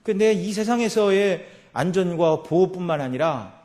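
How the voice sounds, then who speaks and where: Korean pastor preaching in conversational tones. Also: male voice, high-pitched, animated, normal speed, a little mellow. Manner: conversational preaching with frequent filler affirmations. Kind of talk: sermon. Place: church sanctuary.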